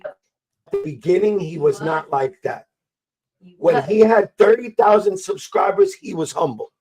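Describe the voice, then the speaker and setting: Podcast host guy, kinda husky and a bit higher pitched, jumping in to agree. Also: sing-song, a little slow, darkish tone, low-quality recording. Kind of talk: casual podcast chat.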